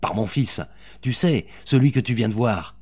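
A man reading an audiobook, voicing a vengeful, hate-filled middle-aged woman with a raspy, jerky delivery. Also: medium pitch, normal speed, a little mellow, natural voice. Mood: taunting.

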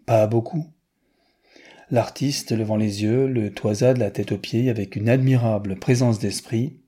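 A man narrating a novel aloud in a measured, literary reading. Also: fairly low pitch, steady tone, mellow, slightly rough. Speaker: audiobook narrator.

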